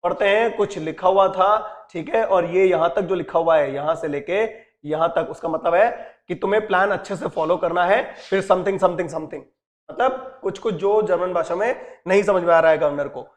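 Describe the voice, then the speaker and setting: A man teacher explaining an English story lesson, reading lines aloud and acting out the characters' speech in an animated way. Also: high-pitched, moderate pace. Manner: switches between reading English text and explaining.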